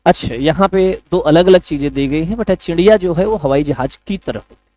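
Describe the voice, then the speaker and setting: A man runs an online exam coaching lesson in a fairly high voice. He jokes with his students and calls them kids and brothers as he goes through answers. The sound is close and dry. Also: brisk, dark tone, no room sound, low-quality recording. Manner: chatty, joking, addresses students as beta and bhaiya. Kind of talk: online class lecture.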